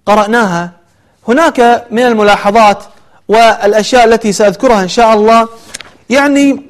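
A man teaching Quran recitation, switching between slow chanted verses and quick spoken explanation. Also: very high voice. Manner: alternates slow melodic recitation with brisk explanation. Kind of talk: tajweed lesson with chanted examples.

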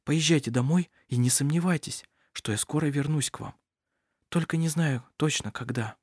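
A man reading the lines of a calm, strong-willed young woman in a hushed, steady voice, in a storybook reading. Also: on the high side, normal speed, dry recording, clean studio sound, voice pushed up, natural voice. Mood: calm resolve.

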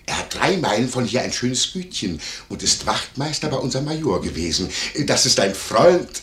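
A wheedling, nosy innkeeper. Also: male voice, mid-range voice, very animated, normal speed, a bit bright. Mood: fawning. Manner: wheedling, gossipy, eager. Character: fawning, nosy male innkeeper, middle-aged. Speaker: innkeeper in a radio play. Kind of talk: 1950s German radio play acting. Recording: roomy, faintly noisy 1951 radio recording.

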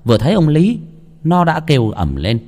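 A man's voice: a little high, wildly swooping pitch, normal speed, a little mellow. A man narrating a horror story with dramatic delivery.

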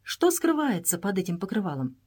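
A calm, commanding young English adventurer speaks firmly and decisively, read by a woman. The voice is of middling pitch for a woman. It is an audiobook character reading. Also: brisk, slightly rough. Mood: resolute. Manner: firm and resolute.

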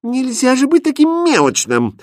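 A man voicing a haughty, capricious young princess in a storybook reading, speaking in imperious, shrill outbursts. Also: wildly swooping pitch, measured pace, dry recording, clean studio sound, exaggerated voice. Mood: angry.

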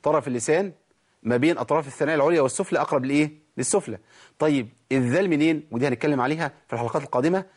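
Male recitation teacher, Egyptian accent, quick talker with a husky edge, self-questioning lesson style. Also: fairly high pitch. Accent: Egyptian Arabic. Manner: asks and answers his own questions, slowly drawn-out recited examples. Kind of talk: tajweed lesson.

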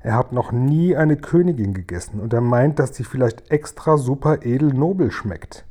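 Man doing a storybook giant, gentle, grumbling, slow, mellow voice, word-muddling. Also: medium pitch, natural voice. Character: gentle mumbling male giant, mixes up words.

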